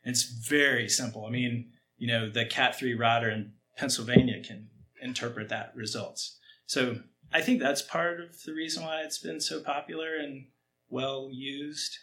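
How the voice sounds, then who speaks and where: Bright, forceful male podcast guest. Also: mid-range voice, steady tone, normal speed, slight background noise. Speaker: guest cycling coach. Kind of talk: conversational expert explanation.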